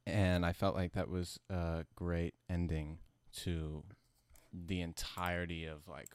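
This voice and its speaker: A man who sounds high, talking casually about his music in a rambling, slangy, profane stoner manner. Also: level tone, takes it slowly, clean tone, no room sound. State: high from smoking. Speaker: musician being interviewed about own album. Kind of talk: casual chat.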